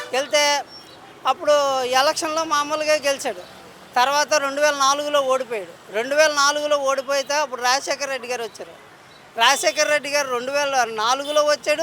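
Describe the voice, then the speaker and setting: A man's voice: extremely high pitch, pushed and bright, a little hiss or hum. A man on a city street answering a reporter indignantly, firing rhetorical questions. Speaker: member of the public.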